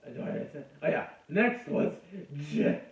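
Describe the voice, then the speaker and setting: A man's voice: fairly high pitch, expressive, moderate pace, vocal fry. Profane rambling man lecturing in an echoey room. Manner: crude, profane, self-interrupting and rambling. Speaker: comic history lecturer. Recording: echoey, distant, dull lo-fi room sound.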